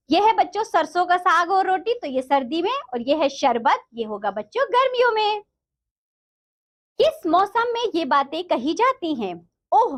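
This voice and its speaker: A woman teacher works through a textbook lesson for young children, explaining slowly and repeating the answers. Her voice is high and a bit bright.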